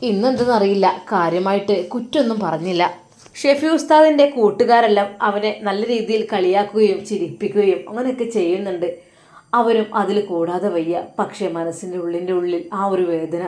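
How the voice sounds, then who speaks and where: A woman's voice: mid-range voice, fairly quick, darkish tone. Woman narrating a moral story. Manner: dramatic present-tense narration.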